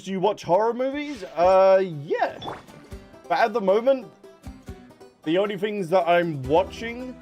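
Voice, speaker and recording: A man with a high voice and a darkish tone plays a game on stream, casually talking with viewers and thinking aloud as he replies. Music plays in the background.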